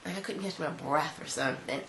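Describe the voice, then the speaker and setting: A woman's voice: low voice, brisk, creaky. A congested woman vlogging at home, casually telling a personal story and acting out the dialogue. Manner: animated retelling, acting out quoted dialogue. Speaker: vlogger mother. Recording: echoey room with faint background noise.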